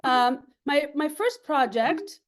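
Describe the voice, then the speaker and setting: A woman's voice: high voice, lively intonation, slow pace. A woman from Lebanon giving an academic seminar talk over a video call, thoughtful and full of ums and restarts.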